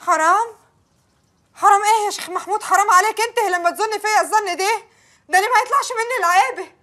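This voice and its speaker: An actress playing a feisty young village woman, coyly fending off a suitor and pleading to calm a quarrel. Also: very high-pitched, fast talker. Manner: coy teasing protests, then anxious pleading. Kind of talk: film acting.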